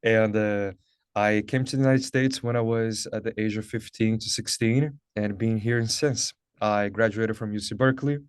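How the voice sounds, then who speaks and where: On a clean studio recording with no room sound, a man speaks in a lowish, smooth voice at a moderate pace with fairly even intonation. He's a Brazilian in his thirties, a native Portuguese speaker, guesting on a video call for a webinar-style conversational interview about his career, upbeat, earnest, and full of "like" and "uh."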